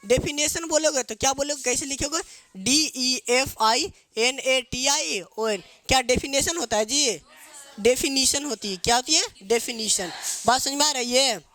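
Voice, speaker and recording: A male English teacher, teaching grammar to a live classroom in call-and-response style and dictating English phrases slowly. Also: extremely high pitch, sharp tone, no echo. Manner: call-and-response drilling, asks students to repeat each answer. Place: classroom with students.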